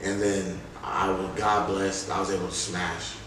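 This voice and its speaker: Heard through loud noise and heavy echo from a far-off mic, a rapper with a low, fairly flat voice recounts stories at a measured pace during a relaxed interview. His talk is slangy and full of quoted asides, punctuated with "like" and "you know."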